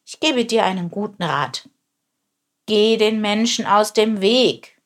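Wise lion, old and male, stern and solemn, slow, read by a woman. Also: mid-range voice, husky. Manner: grumbling, solemn.

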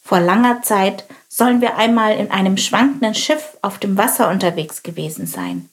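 A woman voicing a kind, calm zebra mother who speaks in a friendly, storytelling way. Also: mid-range voice, normal speed, close to an everyday voice.

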